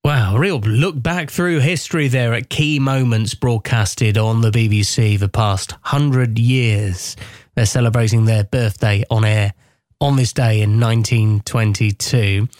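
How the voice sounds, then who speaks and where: A man's voice: medium pitch, measured pace, darkish tone, no echo, clean studio sound. A man hosting a radio show in a casual, conversational way. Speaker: radio host.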